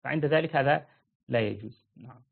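A man teaching a religious lesson, explaining rulings with lively everyday examples and acting out buyers and sellers. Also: mid-range voice, fairly quick, gravelly. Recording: tinny phone-like line.

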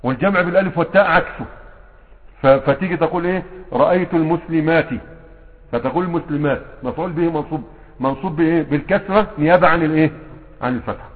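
A man with an Egyptian accent teaches a grammar lesson at a rapid clip, firing rhetorical questions at his students. His voice sits a little higher than most men's. The recording is thin and phone-like, with a long hall echo trailing behind him. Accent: Egyptian Arabic. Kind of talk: classroom lesson. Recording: tinny phone-like sound with long hall reverb.

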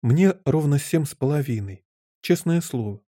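A man's voice: fairly high pitch, lively intonation, moderate pace, dark tone, no echo, clean studio sound. A man voicing an earnest, curious little girl of seven in an audiobook. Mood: incredulous. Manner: earnest, questioning.

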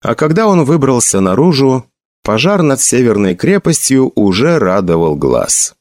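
A man narrating an audiobook in an expressive, dramatic reading. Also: mid-range voice, moderate pace, no room sound, clean studio sound.

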